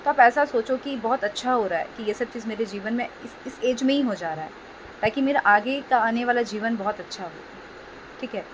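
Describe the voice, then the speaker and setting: Gentle woman giving casual self-help advice. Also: a little high, fairly quick, slight background noise, rough recording. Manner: gentle, repeats "ठीक है" often. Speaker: self-help video host. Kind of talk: casual advice talk to camera.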